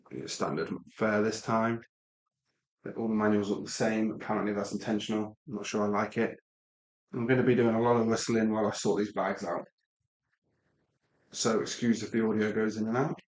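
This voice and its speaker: A middle-aged man with an English Midlands accent builds Lego on a live stream, chatting casually and rambling with asides to his viewers. His voice is lowish and a little mellow, with a reverberant sound.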